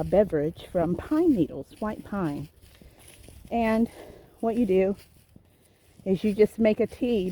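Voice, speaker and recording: A woman's voice: mid-range voice, mellow, slight background noise. A woman casually vlogging outdoors in the countryside while walking and foraging, chatty and self-deprecating.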